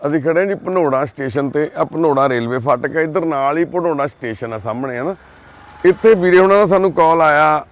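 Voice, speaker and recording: A man with a Punjabi accent, recording a vlog outdoors by a railway crossing at night and talking in a gentle, coaxing and reassuring way. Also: on the high side, normal speed. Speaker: vlogger helping a lost child. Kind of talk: on-the-spot field vlog.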